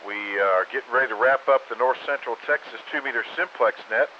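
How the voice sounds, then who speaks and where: A man's voice: mid-range voice, fast. A man's mid-range voice comes over a crackly, walkie-talkie style radio link with a faint hiss. He runs the net casually, in a folksy, rambling manner. The audio is dull and lo-fi. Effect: crackly walkie-talkie style radio transmission. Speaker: amateur radio net controller.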